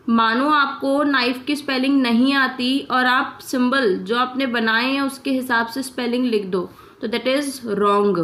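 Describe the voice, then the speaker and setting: Teaching shorthand in a blend of Hindi and English, a woman walks her class through each step with patience. Her voice is high-pitched and fairly bright, and she regularly pauses to ask "ठीक है?" to make sure students follow.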